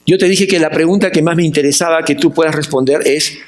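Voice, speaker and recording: A Peruvian pastor preaching a sermon in lively Spanish, asking questions and answering them himself, and acting out the people he quotes. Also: a little high, fast talker. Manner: acts out the voices of the people he quotes.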